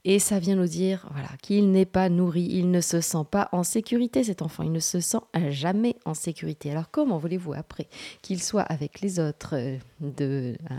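A woman's voice: on the low side, moderate pace, warm tone. A woman hosting a parenting show, giving earnest advice full of rhetorical questions and then reading a picture book aloud.

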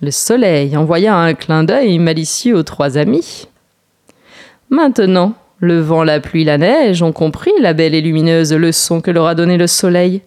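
A woman reading a children's story aloud in an expressive, lilting way. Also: low-pitched, unhurried.

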